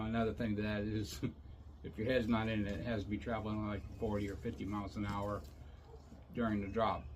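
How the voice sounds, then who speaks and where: Older man explaining casually, some background noise. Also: on the low side. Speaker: host of a motorcycle safety series.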